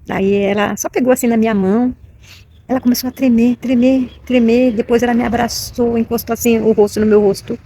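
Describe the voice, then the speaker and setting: Speaking briskly to camera, a middle-aged woman vlogger with a Brazilian Portuguese accent recounts a personal story emotionally, repeating herself and frequently asking "you know?". Her voice is a little high and dark-toned, with fairly even intonation, and the sound is slightly rough.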